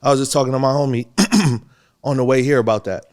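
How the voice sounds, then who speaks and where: Here the young rapper from Buffalo, New York speaks quickly at a medium pitch. He's an easygoing interview guest, telling his story casually and breaking into laughter often.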